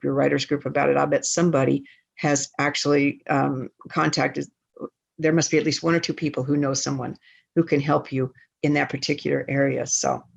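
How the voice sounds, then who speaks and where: A woman's voice: sits low, vocal fry, breathy edge. A woman author giving an earnest, conversational talk to a writers' group over a video call. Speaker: guest speaker author.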